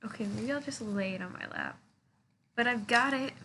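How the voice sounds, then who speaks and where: A woman's voice: on the high side, moderate pace, sharp tone. A woman chatting casually and playfully on a live stream, talking with a sore jaw that she can't open far after dental surgery. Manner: playful, giggly. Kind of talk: casual chat. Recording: noticeable background noise.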